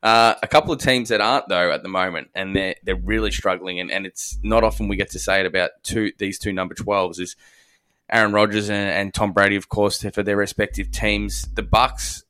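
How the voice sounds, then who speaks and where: Deep, even-toned Australian man. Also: a little fast, clear, resonant tone, poor audio. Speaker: sports podcast host. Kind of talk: casual sports discussion.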